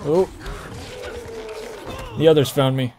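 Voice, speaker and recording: A man hosts a gameplay walkthrough, giving casual, conversational commentary and explaining things as he plays over video game ambience. His voice is a little high and warm, with fairly even intonation and a slow pace, plus a little hiss or hum.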